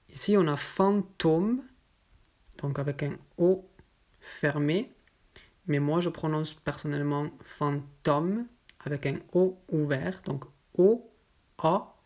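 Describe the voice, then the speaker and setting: A woman teaching pronunciation, patiently spelling out sounds and pausing with fillers. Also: low voice, a little mellow. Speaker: French teacher. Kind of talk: pronunciation lesson.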